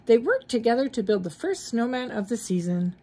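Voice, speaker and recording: Fairly quick and sing-song, this grandmother's voice sits on the high side, a little mellow with a breathy edge. She's middle-aged or older, has a mild cold, and reads a story aloud expressively while asking her grandchildren questions.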